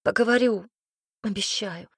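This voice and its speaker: A woman's voice: mid-range voice, a little slow, a bit bright, husky, no echo, clean studio sound. A woman doing a tearful, stubborn young woman. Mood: troubled. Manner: weak, pleading, troubled.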